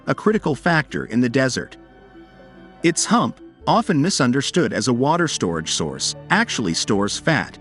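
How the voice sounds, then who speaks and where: A man reads scripted nature documentary narration in a measured, formal explanatory way. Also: mid-range voice. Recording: background music under voice. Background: music.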